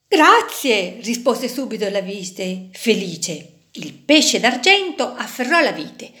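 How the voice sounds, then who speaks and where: Animated woman reading a children's story. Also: on the high side. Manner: expressive and animated.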